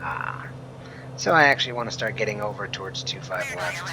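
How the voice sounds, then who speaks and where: Low-voiced man over background drone. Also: big pitch swings, a little fast. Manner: rambling, thinking aloud. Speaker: flight simulator streamer and reviewer. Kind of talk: casual gameplay commentary. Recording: clear engine drone and noise.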